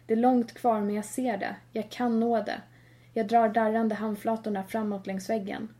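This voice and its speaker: Mellow woman reading a horror story. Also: fairly high pitch, flat delivery. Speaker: narrator.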